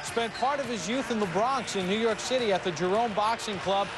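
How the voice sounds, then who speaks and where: A man's voice: sits high, a little fast, noisy background. A man giving live boxing commentary, setting out facts and records in an announcer's delivery. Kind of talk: live broadcast sports commentary. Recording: loud music and crowd behind commentary. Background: loud entrance music and arena crowd.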